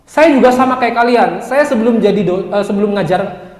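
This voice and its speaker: A young male lecturer with a high voice, teasing and coaching his students. His voice rings through a big room with a long, echoing tail. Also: a little fast. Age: 20s. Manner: lively, joking, addresses students directly. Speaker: university lecturer. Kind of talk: classroom lecture. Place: large classroom. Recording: echoey classroom with long reverb.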